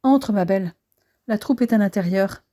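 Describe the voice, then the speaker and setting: A woman's voice: medium pitch, moderate pace, mellow, close to an everyday voice. A woman voicing a knowing, teasing mother greeting a young neighbour.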